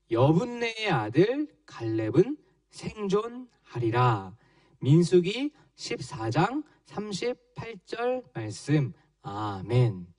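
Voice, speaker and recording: A man, a children's pastor, telling a Bible story in a slow, animated way to young children. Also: high-pitched, no echo, recorded from a distance. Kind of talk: children's sermon.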